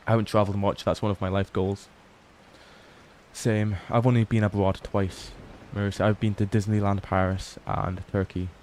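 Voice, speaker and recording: A young man with a low voice talks to his stream at a late hour, sounding worn out. His delivery stays flat and relaxed, full of swearing and remarks to chat. Faint ambient game sound sits quietly behind him. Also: normal speed, a little hiss or hum. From Scotland. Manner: relaxed, swears often, reads chat aloud. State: tired. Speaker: livestream host.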